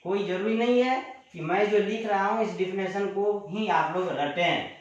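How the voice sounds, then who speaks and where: A man's voice: high voice, normal speed. A man teaching grammar in a classroom-style lecture, explaining patiently, repeating each definition and drawing out example words in his terms. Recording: echoey room, dull lo-fi sound.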